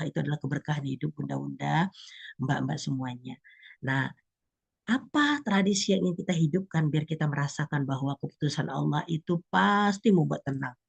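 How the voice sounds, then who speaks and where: Gravelly low-voiced woman giving a religious talk. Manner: animated, acts out little prayers and complaints. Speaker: religious speaker.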